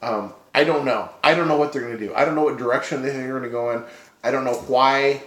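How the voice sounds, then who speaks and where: A man's voice: mid-range voice, steady tone, fast, a bit bright. A man co-hosting a casual chat, easygoing and a little hesitant. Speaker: podcast co-host. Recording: echoey room.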